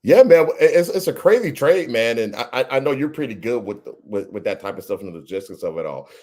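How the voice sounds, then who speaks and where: A man co-hosting a podcast, chatting casually about sports, laid-back and quick to laugh, often repeating his words. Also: mid-range voice, animated, darkish tone. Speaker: podcast co-host.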